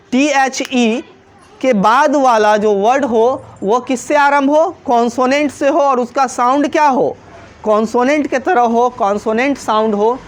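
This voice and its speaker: A woman teaching a grammar lesson in Hindi at a board, repeating points and asking rhetorical questions, with examples. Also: on the high side. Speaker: English teacher.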